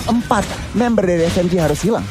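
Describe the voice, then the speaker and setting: High-voiced male esports analyst over music. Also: quick pace. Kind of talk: analytical game commentary.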